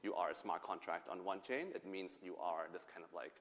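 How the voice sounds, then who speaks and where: On a conference stage in a large hall, a man answers a panel question, rambling and hedging with lots of fillers. His voice sits low, steady and fairly quick, with the hall's long reverb trailing it.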